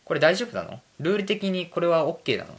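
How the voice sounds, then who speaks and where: A man's voice: fairly high pitch, animated, fast. A young man hosting a solo podcast, rambling casually and mocking himself. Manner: rambling, self-mocking, drifts between topics. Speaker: podcast host.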